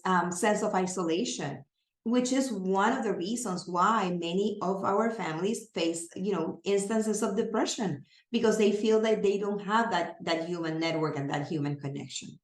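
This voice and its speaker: With a mid-range voice, this woman, whose native language is Spanish and who speaks with a Spanish accent, earnestly presents a training on serving families. She illustrates her points with everyday examples, and the audio carries a roomy echo.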